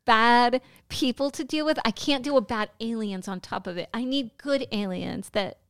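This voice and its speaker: A woman's voice: on the high side, normal speed, fairly bright tone, clean tone, no room sound, studio quality. A middle-aged woman co-hosting a podcast, giggly and gushing in casual chat. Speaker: podcast co-host.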